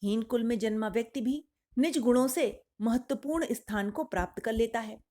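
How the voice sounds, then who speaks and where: A scheming male jackal courtier from a storybook, formal and persuasive as he lectures and flatters, voiced by a woman narrator. His tone stays measured and higher than expected. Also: lightly acted. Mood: flattering.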